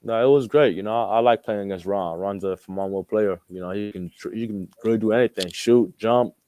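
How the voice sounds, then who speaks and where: This is a young adult male from Australia, a college basketball player appearing as an interview guest. He talks in a relaxed, repetitive, informal way, with a lowish, mellow voice at a brisk pace and no echo on the recording.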